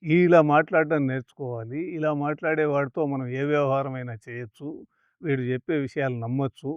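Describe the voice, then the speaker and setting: A man giving a calm, measured lecture that explains scripture, chanting the verses slowly. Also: medium pitch, smooth, no room sound, muffled recording. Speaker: spiritual teacher.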